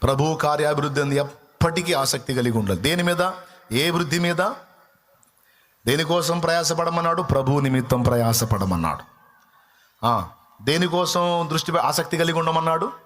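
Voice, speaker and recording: A man's voice: a little high, expressive, a bit bright. Man preaching with rhetorical questions. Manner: reads scripture slowly and deliberately. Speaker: pastor. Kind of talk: sermon.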